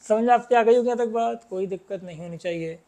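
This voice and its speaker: High-voiced man teaching chemistry. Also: warm tone. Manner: addresses students as "beta", keeps asking if it is clear; reads English questions slowly, explains in Hindi. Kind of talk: chemistry lesson.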